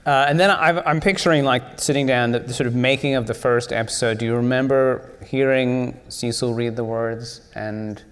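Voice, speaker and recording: Male interviewer, medium pitch, casual questions, echoing hall. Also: steady tone, moderate pace, few pauses, fairly bright tone, clear, resonant tone. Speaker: moderator. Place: stage before live audience. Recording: echoey hall, live event.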